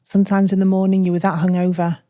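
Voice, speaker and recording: A woman co-hosting a podcast, talking candidly in short, measured phrases. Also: fairly low pitch, flat delivery, warm tone, dry recording, clean studio sound. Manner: frank, reflective, speaks in short measured phrases. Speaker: podcast co-host. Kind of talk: candid personal conversation.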